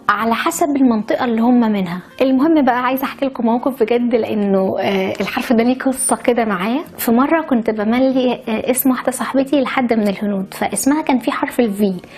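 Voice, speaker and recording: A woman's voice: on the high side, a little mellow, breathy edge. A woman with an Egyptian Arabic accent teaches how to write letters. She explains step by step and cheerfully adds chatty stories along the way. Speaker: language teacher. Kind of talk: handwriting lesson with chatty asides.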